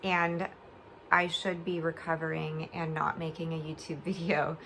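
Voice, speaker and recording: A young woman with a slightly low, creaky voice talks casually to her viewers. Her words come out a little slurred, as if her mouth is swollen while recovering from oral surgery. She rambles in a giggly, homespun vlogger way, with faint noise behind her. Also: little pitch movement, unhurried, a bit bright. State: recovering from oral surgery, talking a bit funny. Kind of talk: casual chatty vlog. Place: bed at home.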